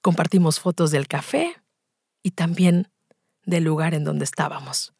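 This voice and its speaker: Slow, gravelly woman storyteller. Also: low-pitched, dry recording, studio quality. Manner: hushed, breathy dramatic delivery with lingering pauses. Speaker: storyteller reading a listener's confession. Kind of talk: dramatic first-person story reading.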